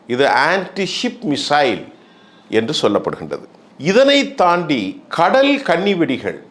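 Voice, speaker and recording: Slow, animated male news commentator. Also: high-pitched. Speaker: journalist commentator.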